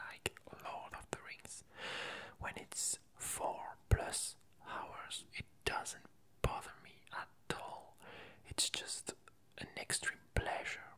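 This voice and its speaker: In a slow whisper with a bright edge, an ASMR video maker rambles casually. Their speech comes haltingly, hesitant, often corrected midway.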